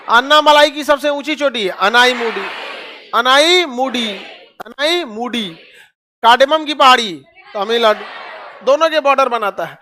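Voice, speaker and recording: High, bright-voiced teacher drilling answers. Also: male voice, slight background noise. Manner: drills facts in quick call-and-response, repeats answers. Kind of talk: online map-geography class.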